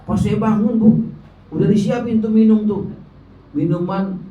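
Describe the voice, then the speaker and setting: A chatty middle-aged wife boasts in a gossipy, high voice as a male preacher puts her on. The sound comes from a distance in a roomy, echoing space with a faint hiss underneath. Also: fairly even intonation, moderate pace, mellow, dull audio, close to an everyday voice. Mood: boastful gossip. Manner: gossipy, keeps calling her listener "Bu". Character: chatty middle-aged woman bragging about her pious husband. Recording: echoey hall, distant mic, faint noise.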